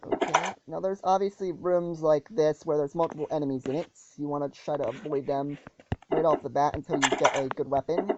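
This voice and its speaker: A gaming channel host walks through gameplay casually, talking hesitantly with many ums and restarts. Her voice is deep and fairly quick with fairly even intonation, and the lo-fi audio is dull with loud noise.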